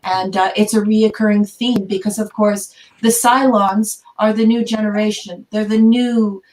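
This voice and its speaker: A woman's voice: medium pitch, fairly even intonation, unhurried, darkish tone. A woman on a podcast panel, speaking in an effusive, playful casual chat with many restarts.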